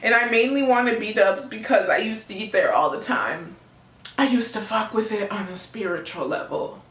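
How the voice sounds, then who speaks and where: A woman's voice: medium pitch, normal speed, a bit bright. A young woman rambling through a casual, slangy storytime in a giggly, drunk manner. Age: young adult. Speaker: vlogger telling a personal story. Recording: roomy, echoey room sound.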